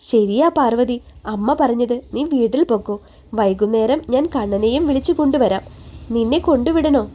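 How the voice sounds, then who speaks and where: A woman's voice: a little high, normal speed, dark tone, lo-fi sound, natural voice. A woman voicing a young male doctor who teases and looks out for a young woman, bantering with his mother. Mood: teasing, concerned. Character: young man, a doctor, teasing and protective.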